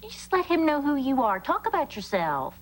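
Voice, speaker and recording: An actress playing a gentle, encouraging mother in a sitcom. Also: sits high, wildly swooping pitch, a little fast. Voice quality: soothing, encouraging. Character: gentle, wise mother of a teen. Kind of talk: 1990s sitcom acting.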